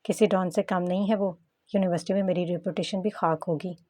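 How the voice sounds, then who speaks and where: Sulky young man in love, low muttering voice, dry close sound, a woman reads him. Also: steady tone, brisk, a little mellow, no room sound, natural voice. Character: young man, brooding, lovesick and defensive.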